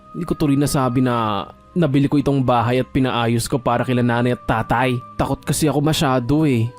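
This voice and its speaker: A man's voice: medium pitch, a little mellow, close to an everyday voice. A man playing a defensive young man who guards his house, sounding irritated and evasive. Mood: sheepish.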